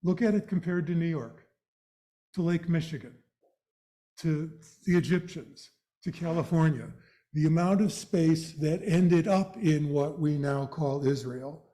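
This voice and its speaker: An older man with vocal fry giving an educational talk in a measured, halting, explanatory way. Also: fairly high pitch, warm tone. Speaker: guest speaker, retired executive director. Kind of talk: educational presentation to a live audience.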